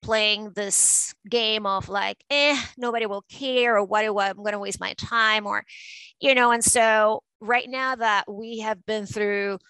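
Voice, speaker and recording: As a guest on a podcast interview, a Venezuelan woman in her forties who works as an art advisor talks fluently and emphatically, using many fillers. Her medium-pitched voice is fairly even, measured and sharp yet clean, captured dry on poor audio.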